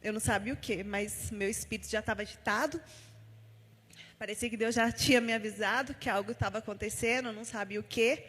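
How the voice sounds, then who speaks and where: In a church hall with the long reverb of a large space, a woman shares a personal testimony, telling her story with heartfelt feeling and often retelling what people said to her. Her voice is on the high side, fairly even in intonation, brisk, a bit bright, with a breathy edge.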